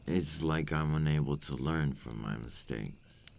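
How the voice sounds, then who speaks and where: A man plays a remorseful adult male vampire, brooding and tormented by his curse, in an intimate ASMR roleplay monologue. His extremely low, very deep voice carries a heavy gravelly creak, a little mellow and heavily acted. He speaks slowly and deliberately in formal phrasing, full of regret, over faint background noise.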